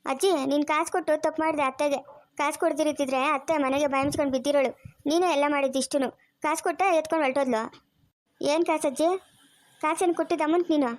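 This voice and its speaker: A woman voicing a sharp-tongued, impatient young granddaughter in a cartoon, talking back in a rural Chikkaballapur Kannada accent. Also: high-pitched, steady tone, quick pace, no room sound, studio quality, natural voice. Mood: reproachful. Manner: mocking, talks back. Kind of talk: cartoon voice acting.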